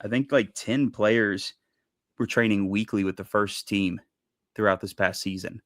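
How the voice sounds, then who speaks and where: A man co-hosts a sports podcast, rambling through casual chat with lots of fillers. His voice is lowish and fairly bright, with fairly even intonation and a measured pace, in a dry, clean studio recording.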